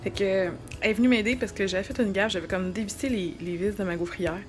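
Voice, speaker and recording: Faint music runs behind a thirtysomething vlogger whose Quebec French accent colors her informal, self-mocking chat with viewers. Her medium pitch holds a steady tone at a quick pace.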